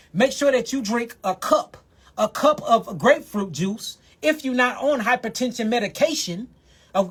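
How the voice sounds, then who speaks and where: Husky man preaching health, emphatic. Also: a bit bright. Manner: emphatic, repetitive, drawls key phrases slowly, asides in a low mutter. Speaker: herbal health speaker.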